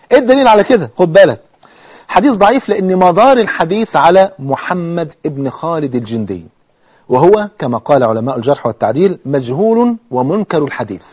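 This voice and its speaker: A middle-aged man with an Egyptian accent giving a televised religious lesson, animated and emphatic, acting out opponents' objections. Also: fairly high pitch, slightly rough. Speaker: religious TV preacher.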